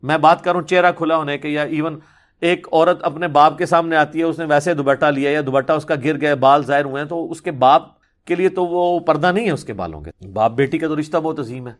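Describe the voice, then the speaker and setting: Religious teacher, male, Pakistani Urdu accent, fairly high voice, explains with animated stress and asides. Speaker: religious scholar answering questions. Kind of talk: lecture answering audience questions.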